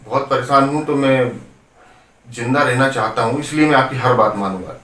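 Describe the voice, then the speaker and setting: A man's voice: mid-range voice, moderate pace, a bit bright, slight background noise, natural voice. Man doing a desperate, troubled man, earnest and pleading, roomy echo, far from the mic. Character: troubled, desperate middle-aged man in depression.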